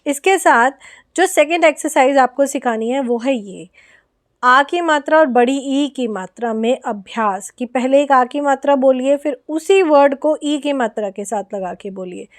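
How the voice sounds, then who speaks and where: Indian lady teacher, high voice, walks parents through it step by step, drags out the example words. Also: a little slow. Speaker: online teacher. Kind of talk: Hindi lesson for parents.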